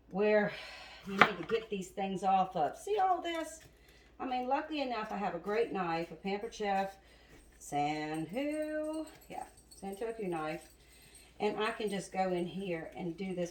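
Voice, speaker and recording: A woman's voice: medium pitch, slight background noise. A woman, chatting to viewers as she demonstrates a recipe in her home kitchen, a bit out of breath. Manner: chatty, talks to viewers as y'all. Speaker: home cooking video host. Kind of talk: casual cooking demonstration. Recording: roomy kitchen with loud clatter. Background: chopping and clattering dishes.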